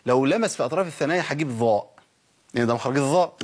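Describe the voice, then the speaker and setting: A man with an Egyptian Arabic accent teaching Quran recitation on a program, drilling pronunciation by drawing sounds out slowly and asking his listeners questions. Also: medium pitch, expressive. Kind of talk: tajweed lesson on a program.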